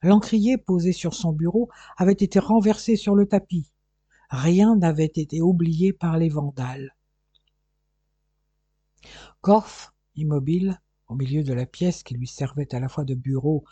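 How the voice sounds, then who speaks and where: Reading a detective novel aloud, an audiobook narrator keeps a steady, measured pace in a fairly high-pitched voice that is very dark and somewhat husky. The recording is dry and close.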